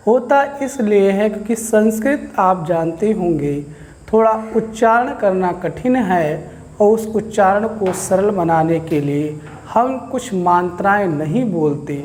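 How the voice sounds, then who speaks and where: A male teacher lectures on grammar in a slow, unhurried way, setting up each question and then answering it. His voice carries a long reverb, as if the room around him is big and hard-walled. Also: high-pitched, darkish tone. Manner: explains slowly, asks questions and answers them himself. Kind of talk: classroom lecture.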